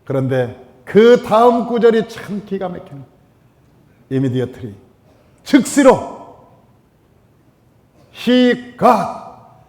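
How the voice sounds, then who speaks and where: A man's voice: sits high, very animated, extremely slow, pauses often. Emphatic preaching man in a reverberant church. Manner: emphatic preaching, repeating phrases, swinging loud and soft. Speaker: pastor. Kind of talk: sermon. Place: church sanctuary.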